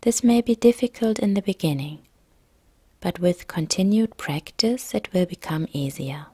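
This guided relaxation meditation is narrated by a female yoga nidra instructor at a normal pace. Her pitch sits on the low side, her tone is gentle, soft, calm and breathy, and there is no echo.

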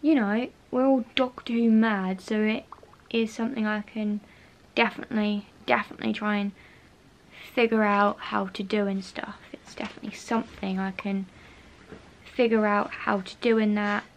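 With slight background noise behind her, a young woman films a relaxed vlog in her bedroom, the handheld camera close to her face. She speaks at a moderate pace in a medium pitch with little variation, rambling, repeating herself and sometimes lowering to a whisper.

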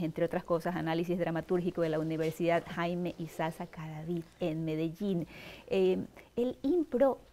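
Middle-aged woman hosting a TV interview. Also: fairly low pitch. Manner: warm formal presenter, frequent backchannel. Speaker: TV host. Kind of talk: studio interview. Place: TV studio. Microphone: lapel mic.

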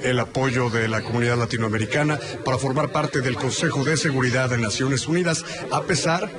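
A man's voice: mid-range voice, a little fast. Young male news interviewer. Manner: long composed questions with a scripted intro. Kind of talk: formal news interview questions. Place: conference venue, indoors. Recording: crowd murmur behind.

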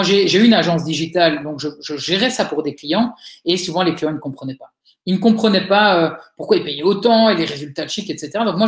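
Man with a Liège accent, roomy sound. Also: on the high side. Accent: Liège Belgian French. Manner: chatty and encouraging, frequent hesitations. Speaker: webinar speaker, digital agency owner. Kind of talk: live webinar Q&A answers. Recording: roomy webinar audio.

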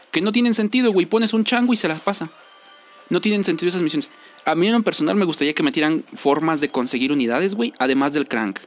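A young man with a Mexican accent giving casual, rambling game commentary in slangy, informal speech, repeating himself for emphasis. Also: a little high. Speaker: gaming video creator. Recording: music under the voice.

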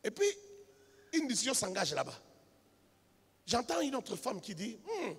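A man preaching a sermon as a pastor, telling a story quietly and then building up to shouted, half-sung exhortation. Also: very high-pitched, big pitch swings, a little slow, husky. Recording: reverberant hall with music behind.

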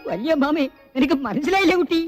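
An actress playing a bossy but doting elder aunt of a noble household in a comedy film. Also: female voice, high-pitched, expressive, fast, long reverb tail, faint music behind. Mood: proudly moved. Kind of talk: film drama acting.

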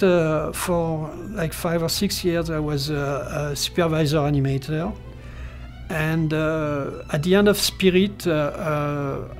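A middle-aged man from France with a French accent, talking hesitantly in a seated interview, with many fillers and restarts. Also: fairly high pitch. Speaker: character designer. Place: indoor studio room.

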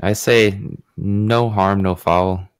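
Deep laid-back guy cracking jokes at the game table, dry mic. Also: steady tone, slow, clean tone, no room sound. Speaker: player. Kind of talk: casual tabletop game chat.

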